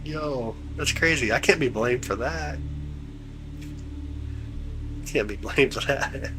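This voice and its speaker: With music playing behind him, a congested man runs a live telescope stream, bantering with viewers in a relaxed, slangy style. His mid-range voice is slow, and the recording is low quality.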